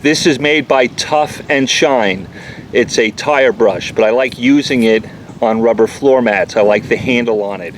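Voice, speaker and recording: A man with a New York accent reviewing a cleaning product in a casual, candid, quick-talking way, recorded outdoors on a windy day with a camera mic. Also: mid-range voice. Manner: talks fast, chatty and candid. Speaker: auto detailer reviewing products. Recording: faint wind and outdoor noise. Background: outdoor ambience and breeze.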